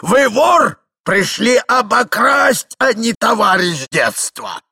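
Guy doing a frantic old husband, shrill and shouty, gravelly bright voice, swoops all over. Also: sing-song, slow, dry recording, studio quality, exaggerated voice. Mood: indignant. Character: fussy frantic old husband, elderly man.

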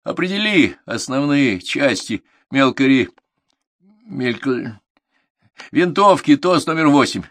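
A man voicing a gruff, shell-shocked male military instructor who barks commands at schoolboys in a storybook reading. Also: mid-range voice, animated, takes it slowly, long pauses, no echo, studio quality, voice pushed up. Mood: angry, scolding. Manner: barking, shouted commands.

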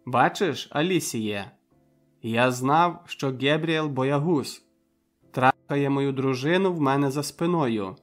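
A man's voice: medium pitch, slow pace, faint music behind, natural voice. Man voicing a cold, vengeful husband. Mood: bitter. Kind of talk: audiobook reading.

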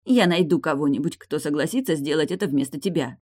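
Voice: mid-range voice, fast talker, darkish tone, close to an everyday voice. A reader voicing a defiant young woman in a hospital bed who answers sharply in an audiobook. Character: woman, defiant, frightened patient.

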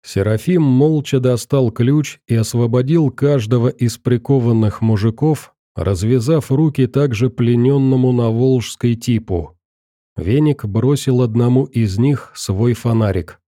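A man narrating an audiobook in a steady, measured way on a close studio mic. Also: mid-range voice, no echo. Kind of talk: scripted narration.

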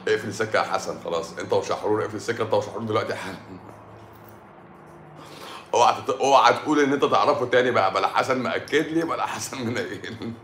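Fast-talking Egyptian man, joking on a live stream. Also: lowish voice, a bit bright, roomy sound, slight background noise. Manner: joking and teasing, laughs often, addresses viewers by name. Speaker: doctor hosting a live stream. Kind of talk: casual live stream chat reading viewer comments. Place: at home.

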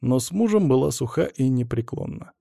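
A man's voice: medium pitch, expressive, a little fast, gravelly, warm tone, dry recording. Male audiobook narrator, dry sound. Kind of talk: scripted narration.

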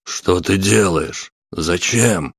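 A furious old grandfather in an audiobook, gruff and barking in a very deep, dry voice, as a man reads him. There is no room sound at all. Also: very slow, a bit bright, no room sound, heavily acted. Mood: angry.

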